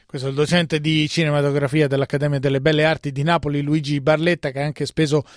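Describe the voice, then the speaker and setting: A man presenting a radio program in from a studio, reading in a measured, scripted way. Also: fairly high pitch, little pitch movement, dry recording. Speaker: radio host. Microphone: studio mic.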